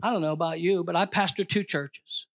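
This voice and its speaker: A man with a high-pitched voice preaches a sermon as pastor. He keeps throwing questions to the congregation and slips in wry jokes, then climbs to ringing, near-shouted emphasis. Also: fairly even intonation, fairly quick, gravelly. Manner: call-and-response questions to the congregation; joking asides.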